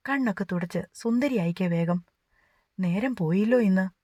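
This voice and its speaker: A woman's voice: medium pitch, normal speed, warm tone, dry recording, natural voice. A woman voicing an affectionate young husband who speaks in a coaxing, sing-song way in a romance audiobook. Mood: tender.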